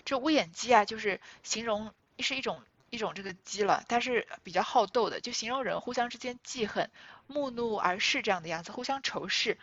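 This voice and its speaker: A woman's voice: on the high side, animated, fairly quick, fairly bright tone, dry recording, lo-fi sound. A woman reading a classic novel aloud and explaining it in a conversational, explanatory way.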